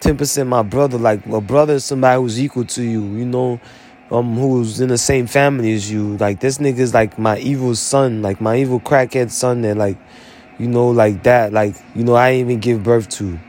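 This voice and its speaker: A man's voice: mid-range voice, steady tone, normal speed, darkish tone, slight background noise. A man, an army veteran, talking through his story in a rambling, profane monologue full of fillers.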